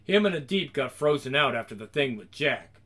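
An actor playing a hardened, profane crew leader with a British accent in a video game cutscene. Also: male voice, mid-range voice, lively intonation, moderate pace, a bit bright. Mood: dismissive. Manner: blunt, profane, dismissive. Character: hardened gruff man, blunt leader of a crew.

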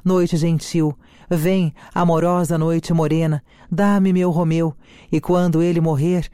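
A reader voicing Juliet, a passionate young noblewoman, declaiming slowly in a dramatic reading of a play. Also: mid-range voice, mellow, no echo, studio quality, lightly acted.

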